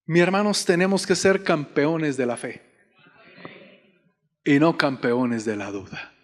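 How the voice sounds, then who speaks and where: A man preaching a sermon as pastor, telling a Bible story with dramatic pauses and acting out its lines. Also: a little high. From Colombia. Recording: long hall reverb.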